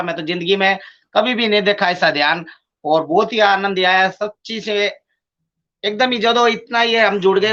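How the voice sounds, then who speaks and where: A man's voice: high voice, pushed and bright, lo-fi sound. A man enthusiastically telling of a group meditation, often repeating his phrases. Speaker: guest devotee. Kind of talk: spiritual testimony, casual.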